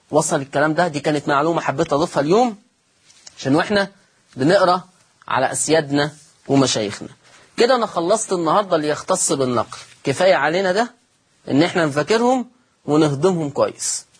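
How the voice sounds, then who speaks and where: Husky Egyptian woman teaching recitation. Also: lowish voice. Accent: Egyptian Arabic. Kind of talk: explanatory religious lesson.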